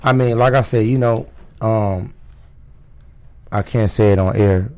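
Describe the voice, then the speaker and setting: Low-voiced raspy man from Chicago. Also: a little slow, darkish tone. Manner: loose, street-casual talk with many fillers. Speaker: guest rapper. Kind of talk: radio interview.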